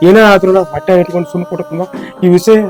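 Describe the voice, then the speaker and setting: A man's voice: sits high, fairly even intonation, racing, darkish tone, faint music behind, close to an everyday voice. A man playing a stern old village patriarch. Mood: stern lecturing. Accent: North Karnataka Kannada. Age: older. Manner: scolding then forgiving, preachy. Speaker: father-in-law in a village skit. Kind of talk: village comedy-drama acting.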